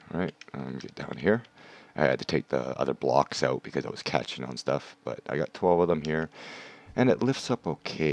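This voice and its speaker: A man with a bass voice and audible vocal fry hosts a livestream, chatting casually. He explains the game mechanics step by step as he gives gameplay commentary.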